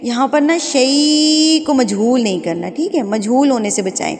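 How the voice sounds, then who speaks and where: A woman teaching a tajweed lesson online, patiently repeating each sound slowly and drawing it out for learners to copy. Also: high-pitched, darkish tone, long reverb tail. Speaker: Quran recitation teacher.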